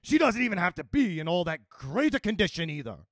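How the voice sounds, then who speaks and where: A pompous, blustering earl of a storybook tale, as a male narrator puts him on, pitched up and full of swings in tone. The recording is close and dry. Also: very animated, brisk, no echo. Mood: scheming. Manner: pleading, blustering. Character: pompous, desperate nobleman earl.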